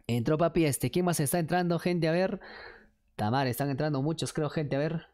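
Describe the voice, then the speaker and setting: A woman's voice: deep voice, moderate pace, darkish tone. A woman, streaming and chattily coaxing her viewers to join a chat game. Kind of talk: casual livestream chat hosting a chat game.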